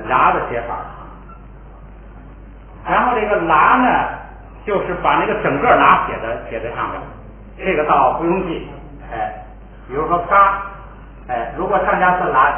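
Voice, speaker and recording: Man teaching syllables over a tinny line. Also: a little high. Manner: patient, repeats syllables for students to read along. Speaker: Tibetan language teacher. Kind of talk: recorded spelling lesson. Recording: tinny, echoey, lo-fi recording with faint hiss.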